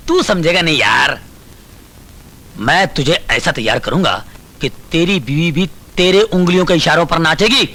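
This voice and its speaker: An actor playing a brash, bossy, boastful stockbroker husband in a Hindi film comedy, loud and commanding. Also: male voice, a little high, expressive, moderate pace, full character voice.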